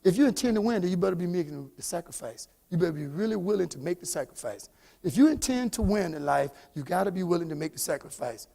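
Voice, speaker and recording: A middle-aged man giving a motivational talk to a live audience, calling for responses and swinging from hushed asides to shouts. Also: high-pitched, lively intonation, fast talker, vocal fry. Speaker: motivational speaker.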